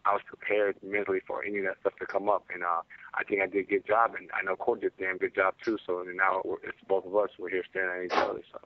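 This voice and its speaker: A low-pitched man talks quickly and fairly evenly through a narrow telephone line. He is a fighter giving casual, slangy interview answers on a conference call. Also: monotone, no echo. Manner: informal, frequent "you know" and "man". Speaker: fighter answering media questions. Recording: muffled phone conference line.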